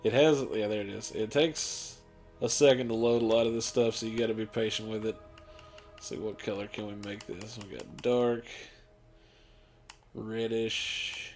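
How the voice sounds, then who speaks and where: A man's voice: lowish voice, moderate pace, gravelly, soft background music. A man casually talking through a video game's character creator, rambling and offhand with lots of fillers, tired and yawning late at night. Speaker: gaming channel host. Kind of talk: casual gameplay commentary.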